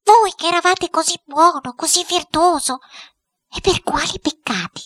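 A woman reading aloud, voicing a pious, fawning older woman who pleads with a spirit in a high, imploring voice. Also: moderate pace, a bit bright, no room sound. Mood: pleading.

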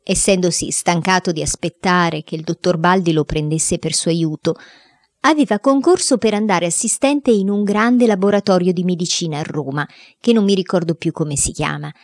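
A woman narrating a children's diary novel as an audiobook reader, in an expressive storytelling manner. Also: fairly low pitch, no echo, studio quality.

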